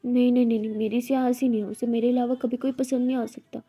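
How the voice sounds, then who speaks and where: A woman's voice: on the high side, little pitch movement, fast talker, warm tone, breathy edge. A woman voicing a possessive, hot-tempered young woman in love who scolds and bosses her partner. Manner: bossy, scolding.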